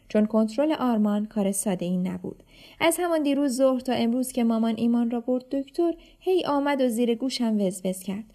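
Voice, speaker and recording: A woman reading a children's story aloud in the first person, lively and expressive. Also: fairly high pitch. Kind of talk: storybook narration.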